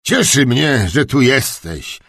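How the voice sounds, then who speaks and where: A man doing a booming, blustering old duke. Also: huge pitch swings, slow pace, husky, no room sound, clean studio sound, exaggerated voice. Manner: booming, shouting. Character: grumpy old male duke, blustering, half-deaf.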